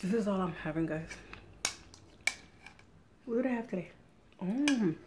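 A woman's voice: mid-range voice, animated, a little slow, background noise. A middle-aged woman hosting an eating show, chatting casually while she eats at home. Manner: chatty, eats and talks with mouth full.

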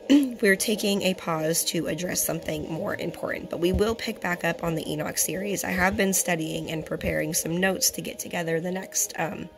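Young woman doing a bible teaching, hoarse like she lost her voice, lowish and croaky, keeps clearing her throat. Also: moderate pace, over music. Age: young adult. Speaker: fellowship host and Bible teacher. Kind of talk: religious teaching talk. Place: small indoor room. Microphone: phone at arm's length.

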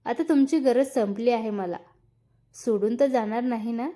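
A woman's voice: fairly high pitch, normal speed, warm tone, lightly acted. A woman voicing a shy, nervous young wife who speaks timidly in a read-aloud story. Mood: soft. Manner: timid and hesitant.

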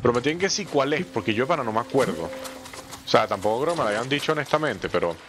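Animated man streaming a game. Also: mid-range voice, quick pace, background noise. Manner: animated, slangy, talks to the game characters. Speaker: gameplay streamer. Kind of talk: let's play commentary. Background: game music.

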